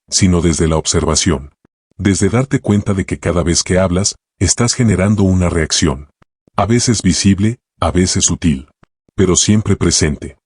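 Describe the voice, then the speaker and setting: Guy reading a self-help audiobook, low husky voice, slow and calm, short thoughtful phrases. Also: dry recording, studio quality. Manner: calm, measured delivery in short reflective phrases. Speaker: audiobook narrator.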